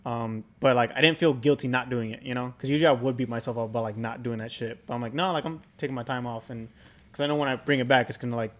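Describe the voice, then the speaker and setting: A man talks fast and easily as a podcast co-host, his pitch sitting in an ordinary middle range. He is reflective and loose, stringing thoughts together with lots of "like" and "you know". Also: fairly even intonation, fairly bright tone. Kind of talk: casual podcast chat.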